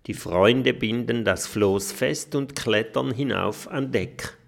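A man narrating a children's storybook with a lively, expressive reading. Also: medium pitch, slow, gravelly. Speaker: audiobook narrator.

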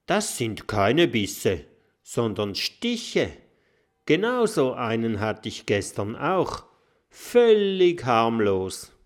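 A man voicing a calm doctor dragon in a storybook, speaking slowly and soothingly. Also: mid-range voice. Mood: matter-of-fact. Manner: slow, soothing, matter-of-fact.

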